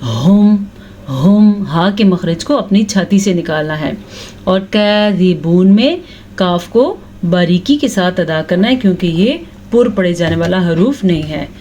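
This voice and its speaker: Woman tajweed teacher, slow careful explaining, drags out the verses when she chants them. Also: lowish voice, animated, a little mellow, highs cut off, slight background noise. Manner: patient, explains each rule step by step, checks in with "theek hai". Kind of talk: recitation lesson with slow drawn-out chanting of verses.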